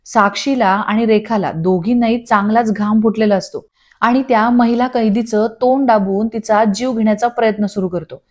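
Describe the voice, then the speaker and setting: A woman narrating a scripted voice-over recap of a TV serial, telling the scenes in a steady storytelling way. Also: on the high side, normal speed. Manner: steady storytelling, reading dialogue aloud. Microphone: studio voice-over.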